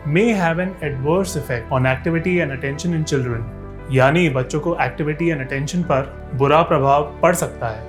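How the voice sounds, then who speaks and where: A man with a fairly high voice narrates a scripted explainer for his viewers. He throws in rhetorical questions and dry, sarcastic asides. Soft music plays quietly underneath. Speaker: fitness YouTuber.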